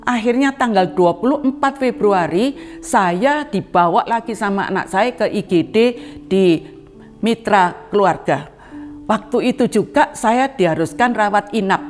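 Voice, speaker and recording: A woman's voice: animated, unhurried, faint music behind. An older woman giving an earnest spoken testimony in a church service, addressing the congregation directly and acting out remembered dialogue. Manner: earnest, addresses congregation as beloved brothers and sisters; acts out quoted dialogue with rising pitch.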